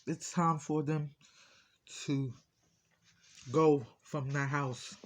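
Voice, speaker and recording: Man, higher-pitched, eating as he talks with a full mouth; slow, aggrieved, casual storytime delivery. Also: fairly even intonation. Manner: talking with mouth full while eating, in short halting phrases; aggrieved, insistent, repeating phrases. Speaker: vlogger.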